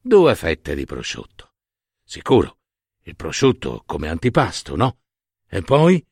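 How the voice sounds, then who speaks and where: A man's voice: low voice, big pitch swings, unhurried, husky, dry recording, studio quality, full character voice. A man playing a humble poor shoemaker. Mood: homely, musing. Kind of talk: storybook reading.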